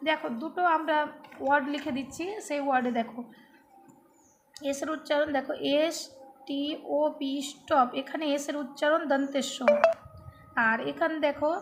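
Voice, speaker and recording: A woman teacher explaining English letter sounds slowly and patiently, spelling words out and answering her own questions. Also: high voice, steady tone, noisy background. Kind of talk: classroom lesson.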